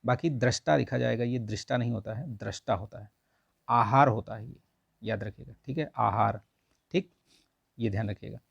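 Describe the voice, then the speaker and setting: A man's voice: medium pitch, moderate pace, creaky, long pauses, husky, no room sound, lo-fi sound. A man teaching an online Hindi grammar lesson for an exam, explaining patiently and saying "theek hai" again and again. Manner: repeats "theek hai" constantly, coaxing and explanatory.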